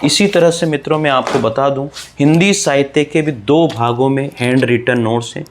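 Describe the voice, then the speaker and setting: A man's voice: mid-range voice, moderate pace, slight background noise. Man teaching grammar, answering his own questions. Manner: repeats key points, addresses viewers as friends. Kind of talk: online grammar lesson.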